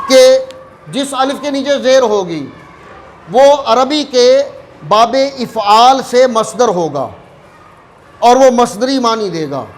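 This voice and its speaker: A man teaching word pronunciation in a careful, deliberate way, repeating key words for emphasis. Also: sits high, slight background noise. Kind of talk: explanatory lesson.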